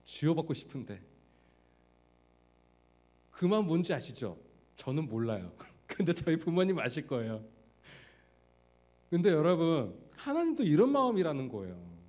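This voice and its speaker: A male pastor delivers a sermon in a lively, swooping voice that sits a little high for a man. He keeps turning to the congregation with rhetorical questions, animated throughout. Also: moderate pace, pauses often.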